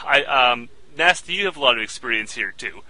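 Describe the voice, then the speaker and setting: A man's voice: mid-range voice, animated, moderate pace, bright, forceful tone, dry recording, poor audio. A man hosting a casual gaming podcast, talking with frequent fillers and small chuckles between points.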